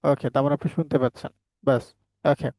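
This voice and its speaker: A man's voice: on the high side, steady tone, fast, warm tone, no echo. A man teaching an online class, drilling his students with repeated questions and answers. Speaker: English teacher. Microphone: headset.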